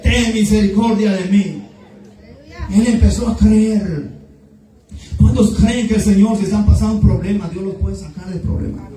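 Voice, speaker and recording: Fervent high-voiced man preaching. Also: fairly even intonation, normal speed, mellow, a faint crowd. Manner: fervent, repetitive exhortation. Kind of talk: sermon. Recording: echoey room, distant mic, faint music.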